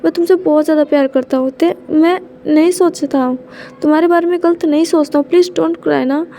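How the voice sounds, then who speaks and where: A woman voicing a gentle young husband who coaxes and reassures his crying partner. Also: high voice, a little fast, a little hiss or hum. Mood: soothing. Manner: reassuring, coaxing.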